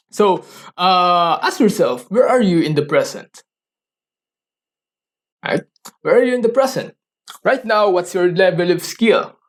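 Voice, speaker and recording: In this motivational solo podcast, a male host with a fairly high voice earnestly coaches his audience, tossing them rhetorical questions. Tagalog is his native language, and he speaks haltingly, often starting sentences over.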